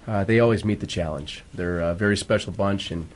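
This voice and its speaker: A low-voiced man speaks as a school football coach in a radio interview, explaining things in an earnest, halting way.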